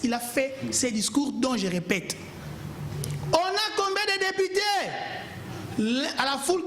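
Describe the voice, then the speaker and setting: In a heated TV studio debate, a panelist from Kongo Central, DR Congo, shifts between emphatic and pleading. His high, fairly bright voice jumps across its range, set in an echoing, roomy space with slight background noise.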